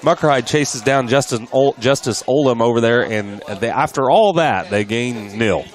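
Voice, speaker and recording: A man doing live play-by-play for a high school football game, excitable and jumping up in pitch on big plays. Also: normal speed. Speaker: play-by-play announcer. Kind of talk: live sports commentary.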